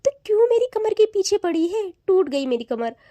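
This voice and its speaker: A teasing young woman who whines and pleads with her best friend in a high, warm voice, as a woman narrator puts her on. Her talk is chatty and playful in a storybook audio drama, recorded close and dry. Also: very animated, moderate pace, no room sound. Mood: pleading, teasing.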